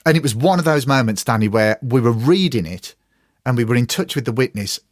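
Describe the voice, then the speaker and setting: A British man hosting a chat, recounting a story in an easy, casual way. His voice is a middle-pitched male voice recorded close. There is no room echo around it. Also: a little fast. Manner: casual, relaxed storytelling with brief agreements. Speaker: podcast host. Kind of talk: podcast conversation.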